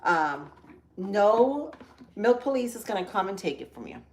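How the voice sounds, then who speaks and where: A woman's voice: mid-range voice, sing-song, unhurried. A woman with a Spanish accent, from Central Florida, hosting a casual live cooking stream in a home kitchen. She is chatty and upbeat, greets viewers by name and talks through each step. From Central Florida, United States. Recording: echoey room with faint background noise.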